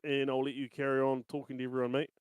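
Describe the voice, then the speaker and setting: Male commentator, New Zealand accent, smooth clear voice, dry close sound, relaxed casual chat. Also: medium pitch, fast, dry recording. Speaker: guest race commentator.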